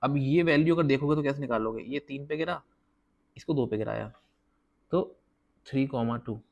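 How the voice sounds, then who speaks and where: A man gives a relaxed whiteboard math lesson, working through each step and frequently checking that viewers are keeping up. He counts slowly as he draws. His voice is medium in pitch, and the sound quality is lo-fi.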